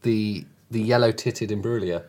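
A man's voice: lowish voice, normal speed, darkish tone. A man co-hosting a comedy podcast who throws in dry, sarcastic one-liners during casual banter. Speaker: podcast co-host.

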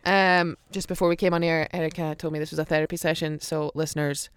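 A woman's voice: low voice, little pitch movement, fast talker, smooth, no echo. A Scottish woman hosting a podcast in casual chat, self-deprecating and chatty, laughing often. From Scotland. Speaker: podcast host.

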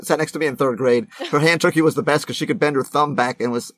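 A man co-hosting a podcast, chatting casually, joking and quick to interject. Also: on the high side, steady tone, fairly bright tone. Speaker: podcast co-host.

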